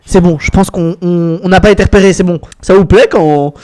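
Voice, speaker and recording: Young male gamer, high voice, energetic, swears freely, self-mocking jokes. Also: brisk. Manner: energetic, jokey, swears a lot; mock English phrases with a French accent. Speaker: gaming YouTuber. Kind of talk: casual gameplay commentary. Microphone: desk microphone.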